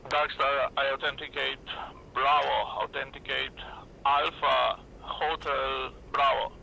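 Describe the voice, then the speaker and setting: A man's voice comes through a radio channel as he makes clipped pilot calls, sharp and bright at the top with a gravelly, crackling edge. He keeps it terse and procedural, tossing out codes and short fillers in a flight-sim session. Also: medium pitch, level tone, slow. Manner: terse brevity-code phrasing with short fillers.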